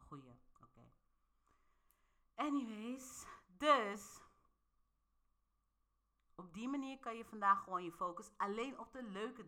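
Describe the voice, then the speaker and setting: The vlogger's voice is medium in pitch, bright and forceful. She speaks straight to her audience in a relaxed, playful monologue, often breaking into laughter and asking questions to confirm they understand.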